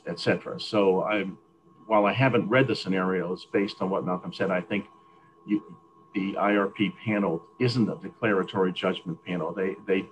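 A man with a lowish voice talks in slow, measured phrases over a remote call. His audio is muffled and distorted, as if he were down a well. A clear hiss of noise runs under everything he says. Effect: distant, muffled, distorted line, like down a well. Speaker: meeting participant. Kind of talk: online policy meeting discussion.

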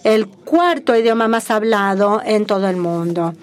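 A woman provides live simultaneous interpretation at a formal conference, speaking in a medium pitch. Her delivery is measured and formal, with frequent hesitations.

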